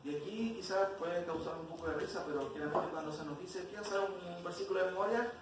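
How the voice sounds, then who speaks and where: Speaking fast in a high voice, a Sunday school teacher walks his class through an expository Bible study, peppering them with questions and frequent "¿cierto?"s. The noisy recording is captured from a distance in a very reverberant church hall.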